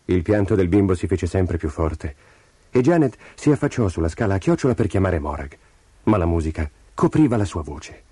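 A man narrating a storybook in an expressive, measured way. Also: sits low, slightly rough, no room sound. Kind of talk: storybook reading.

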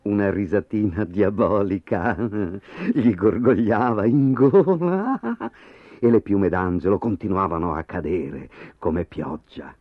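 A man reading a children's story aloud as narrator, in a playful, expressive way. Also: slow, no room sound. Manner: very animated, playful reading with sudden pitch swings. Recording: dry, tinny phone-like sound with faint music.

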